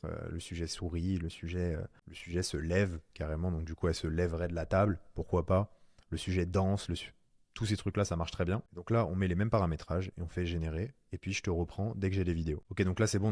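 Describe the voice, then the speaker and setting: A man's voice: deep voice, steady tone, quick pace, a little mellow, no room sound, studio quality. A man giving a casual screen-recorded tutorial in French, chatty and slangy, talking straight to the viewer as "tu". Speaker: online course instructor.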